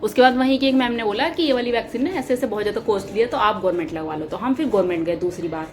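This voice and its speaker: A woman's voice: a little high, very fast. A young woman vlogging at home by an open balcony, chatting casually and repeating herself as she complains playfully. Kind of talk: casual vlog chat. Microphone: camera on a tripod.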